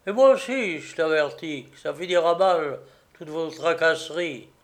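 A man voicing a gruff, defiant poor woodsman who shouts threats in a read-aloud story. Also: a little high, measured pace. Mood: furious. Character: gruff, furious poor old Polish woodsman.

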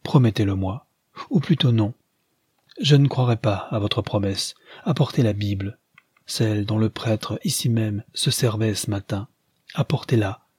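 A man's voice: fairly low pitch, a little slow, a little mellow, slightly rough, dry recording, studio quality. A man reading the part of a dying former tragic actress who gives commanding, theatrical orders in a storybook reading.

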